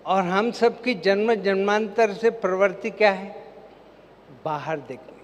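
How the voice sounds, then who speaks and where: A man's voice: high-pitched, a little slow. A man giving a devotional seminar talk to a live gathering. He poses questions to the crowd and then answers them himself. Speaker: spiritual seminar speaker. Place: large hall with an audience. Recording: long hall reverb, faint background noise.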